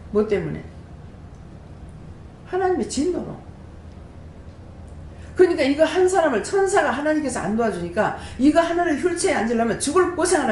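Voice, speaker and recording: A woman, a prayer house director, giving an animated testimony sermon and throwing rhetorical questions to the congregation. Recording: echoey room with faint rumble.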